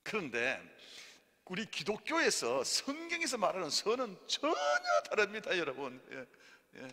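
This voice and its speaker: A male pastor teaching theology in a church, animated and leading the congregation in repeat-after-me lines and amens. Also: high-pitched, a little slow. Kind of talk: sermon-style theology class. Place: church hall. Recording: hall reverb.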